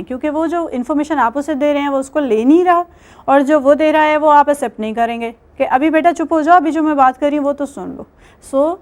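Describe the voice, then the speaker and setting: A woman's voice: a little high, darkish tone. A middle-aged woman from Pakistan giving a recorded university lecture, explaining step by step and mixing English terms into her speech. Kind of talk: recorded distance-learning lecture.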